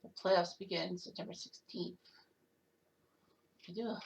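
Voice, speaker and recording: Gravelly woman reading off game stats. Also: fairly low pitch, flat delivery, measured pace, poor audio. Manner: reads off stats with asides, self-corrections. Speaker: host. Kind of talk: casual game stats recap.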